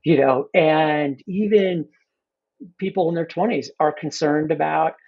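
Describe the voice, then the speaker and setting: Being interviewed casually, this man in his fifties, a coach, speaks in a meandering way full of false starts and "you know." He talks at a measured pace in a fairly high voice, and the audio has its highs cut off.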